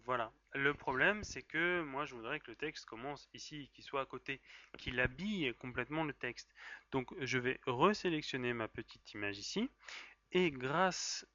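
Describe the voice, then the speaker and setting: A man's voice: medium pitch, moderate pace, bright, forceful tone, no echo. French guy doing a screen tutorial, chatty and jokey, lots of euh, dry kinda lo-fi mic. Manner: chatty, playful, with fillers and self-corrections. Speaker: software tutorial host. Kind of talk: screen-recorded software tutorial. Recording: dry, slightly dull lo-fi voice-over.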